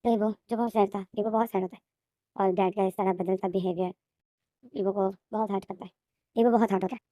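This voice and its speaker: Brisk woman narrating a story recap. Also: mid-range voice, fairly even intonation, dark tone, no room sound, studio quality. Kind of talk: fan fiction recap narration.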